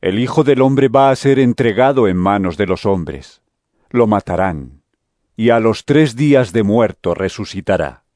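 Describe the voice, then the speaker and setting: An actor playing Jesus in an audio drama, a solemn, authoritative yet gentle male teacher speaking in measured phrases. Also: lowish voice, expressive, dry recording, clean studio sound.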